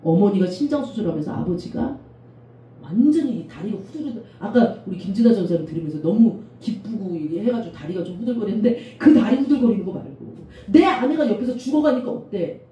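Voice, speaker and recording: A middle-aged woman pastor delivers a lively sermon, her voice leaping high and low. Her tone is dark and mellow, and she sits somewhat back from the mic. The sound carries the echo of a church room, with a faint hiss underneath. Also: brisk. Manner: animated preaching, often acts out quoted voices. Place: church sanctuary. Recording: echoey church room from a distance, faint noise.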